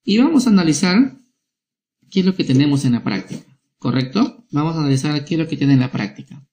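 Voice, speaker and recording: A man's voice: fairly high pitch, lively intonation, a little fast, darkish tone. A male schoolteacher giving a lesson to young children, spelling out words syllable by syllable and checking in with short tag questions.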